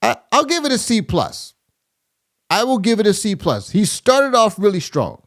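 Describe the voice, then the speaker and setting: With a high-pitched voice and big pitch swings, a man reviews a rap verse for a casual reaction video at a moderate pace. He restarts often, leans on fillers, and scats the rhythms out loud.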